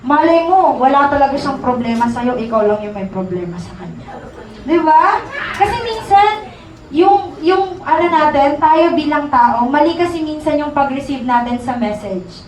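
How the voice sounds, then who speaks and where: A woman with a high voice preaches to her congregation in a casual, chatty way, often checking that her listeners agree. She sounds a little distant from the microphone, in a roomy hall with a faint hum of ambience behind her. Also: animated, normal speed, darkish tone. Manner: conversational, mixing in English, asks the crowd for agreement. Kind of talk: sermon. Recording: echoey room, from far off.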